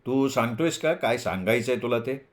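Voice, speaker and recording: A man's voice: mid-range voice, lively intonation, normal speed, natural voice. A man reading a novel aloud, voicing an impatient, teasing young male student close to his own voice.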